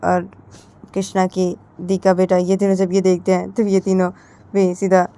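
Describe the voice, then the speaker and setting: A woman's voice: on the low side, monotone, moderate pace, warm tone. A woman narrating a family romance story in a casual, rambling way, chaining events with repeated linking words.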